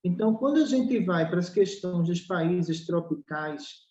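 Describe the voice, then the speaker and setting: A woman's voice: on the low side, lively intonation, unhurried, warm tone. A woman with a Brazilian Portuguese accent, a spiritual doctor explaining her teaching emphatically, acting out little dialogues and asking rhetorical questions. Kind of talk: explanatory talk in a spiritual study podcast. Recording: roomy, dull lo-fi recording.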